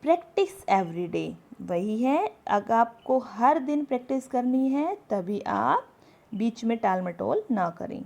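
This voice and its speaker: Slow, gravelly-voiced woman teacher. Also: on the high side, animated, a little mellow. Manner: slow, explanatory, reads English tips aloud. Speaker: English teacher. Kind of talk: spoken English lesson in Hindi.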